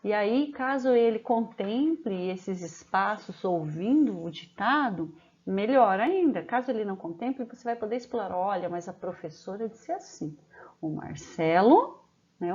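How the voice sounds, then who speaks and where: A woman's voice: on the high side, darkish tone, muffled recording. Brazilian woman teaching fellow teachers. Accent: Brazilian Portuguese. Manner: explanatory, frequent "né?" tag questions, slows down to dictate phrases. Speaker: teacher trainer. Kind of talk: recorded training lesson for teachers.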